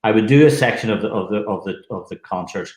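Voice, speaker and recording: Male musician guest, low register, easygoing storytelling delivery, echoing room. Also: fast talker, a little mellow. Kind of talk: casual anecdotal interview talk. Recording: roomy, echoing sound.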